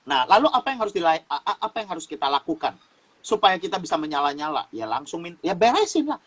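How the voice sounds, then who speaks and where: A man's voice: a little high, very animated, fast talker, fairly bright tone, poor audio. A man from Sumatra teaching in a casual talk show, explaining like a preacher, repeating phrases and laughing as he goes. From Sumatra, Indonesia. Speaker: guest youth speaker.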